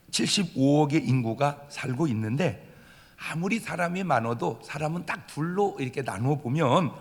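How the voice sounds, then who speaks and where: A man preaching a Sunday sermon as pastor, who acts out crying children while he speaks. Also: mid-range voice. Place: church sanctuary. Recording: church hall reverb.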